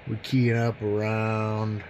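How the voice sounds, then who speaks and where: A hobbyist host of a CB radio demo channel gives a casual hands-on demonstration, talking in a folksy, informal, enthusiastic way. His fairly low voice is delivered slowly and completely flat. The recording is muffled, with clear background noise.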